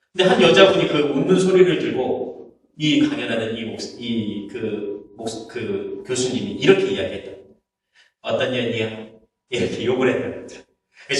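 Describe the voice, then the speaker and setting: A male pastor preaching a sermon and telling stories, now and then acting out the rough words he quotes. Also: medium pitch. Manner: storytelling, quotes people's curses in acted asides. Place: church sanctuary. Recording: echoey church hall, mic at a distance.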